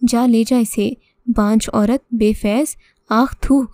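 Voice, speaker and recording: A woman's voice: on the high side, fairly even intonation, mellow, no echo, natural voice. A woman voicing a contemptuous, drunken husband who mutters insults in a horror storybook. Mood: scornful. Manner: scornful, muttering.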